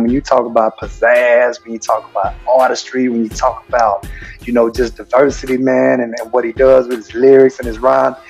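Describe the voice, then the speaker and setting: A man, a high school basketball coach, answering interview questions in an earnest, rambling way full of fillers. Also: darkish tone. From Houston, Texas.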